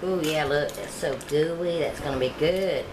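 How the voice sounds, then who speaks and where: A woman with a low-sitting voice speaks a little slowly while demonstrating baking at home. She's a cooking vlogger who keeps up casual, homey chatter with her audience as she works, recorded in an echoey kitchen with noise behind her.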